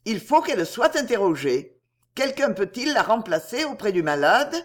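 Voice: mid-range voice, very animated. A reader doing a stern, formal magistrate. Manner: measured, formal. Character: older male magistrate, kind but stern.

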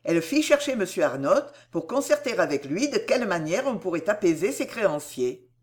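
Audiobook narrator, measured, literary, animated pitch, mid-range voice. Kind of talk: scripted narration.

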